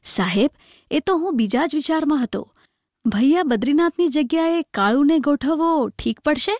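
A woman's voice: high voice, animated, moderate pace, darkish tone, no echo, voice pushed up. A servile middle-aged clerk talks hesitantly, as a woman voices him. He sounds deferential and careful. The sound is dry and close. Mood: nervous.

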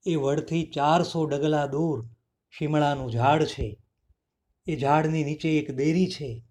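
Slow, expressive male storyteller. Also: fairly high pitch. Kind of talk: children's story narration.

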